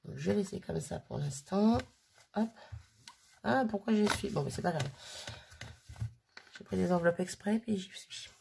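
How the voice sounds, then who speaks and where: Woman, low and gravelly, casual craft vlogger talking while she works, faint hiss behind. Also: lively intonation, moderate pace, pauses often, warm tone. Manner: chatty, filler-heavy, frequent "hop" while working. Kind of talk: casual hands-on demonstration.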